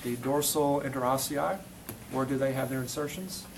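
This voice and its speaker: In a noisy classroom recording, a man with a mid-range voice runs a hands-on demonstration at a moderate pace. He coaches through short commands he repeats and quizzes students as he goes from step to step.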